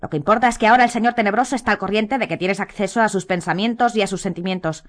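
A woman voicing a cold, stern male wizard teacher in an audiobook, speaking slowly and measuring each word. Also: medium pitch, a bit bright, pitched above the performer's own voice, natural voice. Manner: slow and measured, icy.

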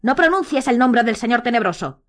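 A woman voicing a cold, stern male wizard teacher in an audiobook, speaking slowly and measuring each word. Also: medium pitch, fairly bright tone, natural voice. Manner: slow and measured, icy.

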